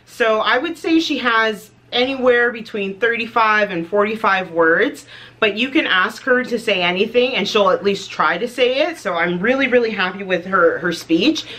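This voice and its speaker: A woman's voice: medium pitch, expressive, moderate pace, sharp tone. Chatty upbeat woman vlogger. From Canada. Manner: chatty, upbeat, lists details with light fillers. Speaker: lifestyle and motherhood vlogger. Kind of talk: casual chat to camera.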